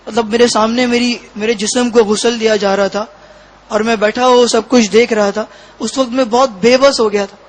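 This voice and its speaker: A man giving a personal testimony as an interview guest, talking in a halting, reflective way with frequent pauses. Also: very high-pitched, fairly even intonation, low-quality recording. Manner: halting, reflective, pausing often between phrases.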